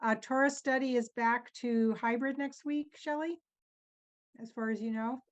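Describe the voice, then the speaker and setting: A woman's voice: fairly high pitch, fairly even intonation, a little slow. A woman leading a service, reciting blessings with casual, friendly asides. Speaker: service leader.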